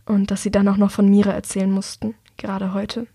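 A woman's voice: mid-range voice, monotone, a little fast, dark tone, slightly rough, no room sound, clean studio sound. A woman narrator voicing a hurt, blunt young man who speaks emphatically. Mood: earnest.

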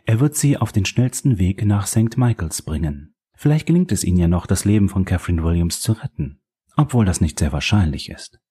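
A man's voice: low voice, animated, fairly quick, mellow. A man voicing a smug, powerful woman official. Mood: condescending. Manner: smooth, condescending, silkily polite.

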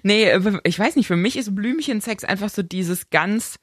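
A woman hosts a casual chat in a dry, close-sounding setting. Her voice sits at a middle pitch, and she talks frankly, poking fun at herself. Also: moderate pace, slightly rough, no room sound. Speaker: podcast host.

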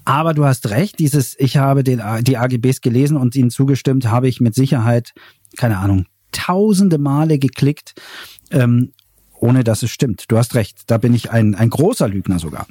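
Husky-ish german guy on a tech podcast, easygoing, dry sound. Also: medium pitch, moderate pace, warm tone, no room sound. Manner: easygoing, agreeable, joking. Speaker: podcast co-host. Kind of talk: casual tech chat.

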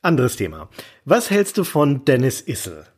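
A man's voice: medium pitch, wildly swooping pitch, moderate pace, slightly rough. A man hosting comedic scripted banter, playful and mock-exasperated. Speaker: host.

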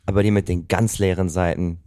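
Low-voiced candid guest. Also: male voice, level tone, a little fast, warm tone. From Bottrop, Germany. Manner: easygoing, candid, blunt. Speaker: guest, musical performer. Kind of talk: casual chat.

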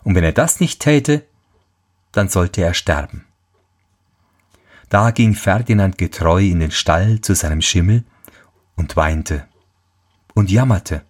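A man reading a fairy tale aloud in a low, husky voice. His melody rises and falls in a lively, expressive storytelling manner. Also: takes it slowly, long pauses.

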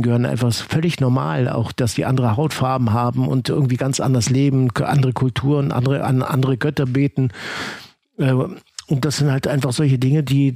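A man being interviewed, telling long stories in a relaxed, rambling way with many fillers and restarts. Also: mid-range voice, creaky, no room sound, studio quality. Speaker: guest. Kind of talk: casual interview talk.

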